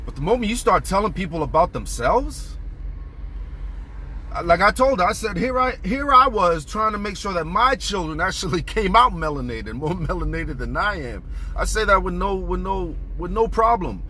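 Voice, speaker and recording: A man's voice: high voice, lively intonation, normal speed, pushed and bright, a little hiss or hum. A man in his thirties telling a story in a casual, profane, heated rant, recorded on a phone camera in a car. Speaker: vlogger.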